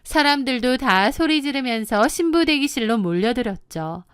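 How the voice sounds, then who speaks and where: A woman's voice: sits high, expressive, moderate pace, a bit bright, smooth, no echo, studio quality. A woman narrating her own story in the first person, confiding and matter-of-fact.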